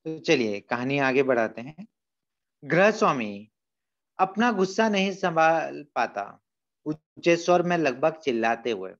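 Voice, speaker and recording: A male teacher walks his class through a story, patiently retelling each scene and explaining what it means. His voice is fairly high, and the recording sounds dull and lo-fi. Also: very animated, unhurried. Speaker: school teacher.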